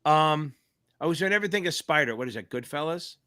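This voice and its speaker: A middle-aged man hosts a live question-and-answer stream, calling out viewers by name. He hypes them up with swear words and shouted cheers. His voice sits fairly high and sounds bright and forceful. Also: expressive, fast. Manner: hyped, profane, shouty cheers. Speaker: livestream host and exam tutor. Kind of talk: live Q&A chat.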